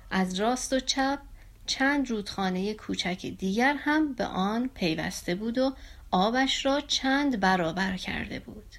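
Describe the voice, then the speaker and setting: Woman, storyteller, children's story read aloud, calm and steady, fairly high voice.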